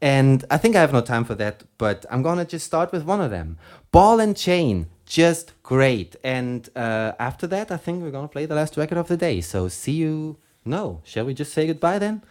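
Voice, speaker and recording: A man's voice: fairly high pitch, big pitch swings, normal speed, a little mellow. A man with a German accent, co-hosting a record show in a casual, rambling, chuckling chat. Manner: rambling, self-deprecating, chuckling. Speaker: radio show co-host.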